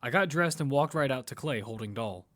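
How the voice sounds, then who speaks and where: Over a music bed, a male performer voices a determined lead telling his survival story in the first person, plainly and matter-of-factly. His natural voice is medium-pitched with a fairly bright tone, animated and fairly quick.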